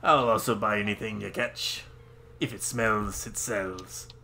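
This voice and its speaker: A man's voice: fairly low pitch, fairly even intonation, unhurried, creaky, sharp tone, heavily acted. A man voicing an old male fisherman with a hammy, growling pirate voice, in a game playthrough.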